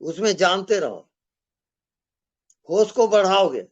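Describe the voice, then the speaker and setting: A man acting as a spiritual teacher, giving calm guidance in short, repeated instructions during a live question-and-answer session. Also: high voice, slow, highs cut off.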